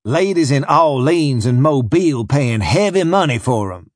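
A man voicing a courteous, calculating slave buyer who drawls slowly and politely. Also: mid-range voice, expressive, dry recording, clean studio sound.

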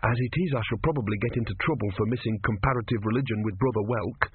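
A man's voice: lowish voice, fast, a little hiss or hum, natural voice. A man voicing an earnest, naive young male novice monk who speaks anxiously and sincerely, heard over tinny phone-like audio.

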